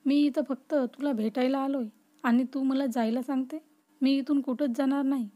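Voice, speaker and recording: A woman's voice: high-pitched, fairly even intonation, normal speed, mellow, lightly acted. A woman voicing a cheeky, teasing young man in a storybook reading, stubborn in tone.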